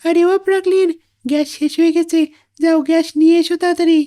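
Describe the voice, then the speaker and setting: A fretful cartoon mother scolds and frets in a high, mellow voice. She sounds worried for her family. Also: steady tone, quick pace. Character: anxious mother and wife, fretful.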